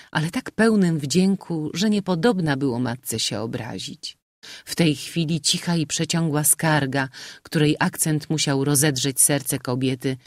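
A man reading a novel aloud as an audiobook narrator, in a measured, expressive manner. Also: a little high, dry recording, clean studio sound.

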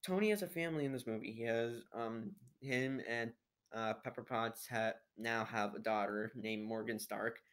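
A teenage boy, an amateur video reviewer, rambles through a casual, unscripted movie review with plenty of hesitation. His male voice is medium-pitched, a bit bright and smooth, at a normal speed. He records indoors in his living room on a built-in computer microphone.

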